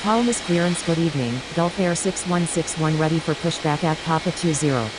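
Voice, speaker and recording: A woman's voice: low-pitched, brisk. A woman speaking clipped, scripted aviation phraseology over a pilot headset radio. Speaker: air traffic radio voice. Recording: very noisy radio transmission.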